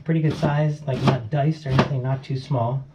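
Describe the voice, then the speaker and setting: An American man in his sixties hosts a casual home cooking vlog in a small kitchen, chatting and correcting himself as he narrates each step. His mid-range voice is level in tone and moderate in pace. The kitchen is noisy, with frying and sizzling in the background.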